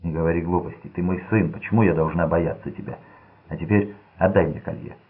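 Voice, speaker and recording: Man voicing a harsh gang matriarch, gruff, snapping, low husky voice, tinny lo-fi audio. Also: steady tone, brisk. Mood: coaxing. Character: harsh, domineering middle-aged gang mother. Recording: tinny lo-fi narrow-band audio.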